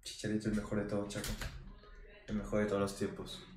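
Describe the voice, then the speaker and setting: Excitable young man reviewing a football game. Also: fairly low pitch, quick pace, background noise. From Peru. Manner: excitable, erupts into shouting over goals. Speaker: FIFA video reviewer. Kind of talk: gameplay commentary. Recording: echoey room with music behind.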